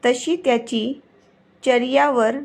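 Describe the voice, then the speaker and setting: Brief: a deliberate woman storyteller reading a mystery, slow with a gravelly edge. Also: sits high, fairly even intonation, darkish tone. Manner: measured, deliberate narration.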